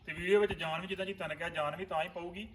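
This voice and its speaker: A man's voice: sits high, fairly even intonation, racing, a bit bright, slight background noise. A man, an actor in a vlog series, earnestly explaining roles to viewers. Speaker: vlogger and actor. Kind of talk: casual chat.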